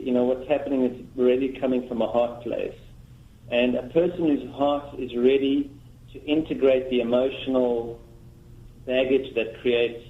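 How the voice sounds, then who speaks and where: A man talks from a room at home in a slow, measured, teacherly way, his voice ringing with a strong echoey room sound. The line comes through a little dull and muffled, like a remote call. He sounds like a guest explaining his method on an interview show. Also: mid-range voice. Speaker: guest, founder of a self-help method.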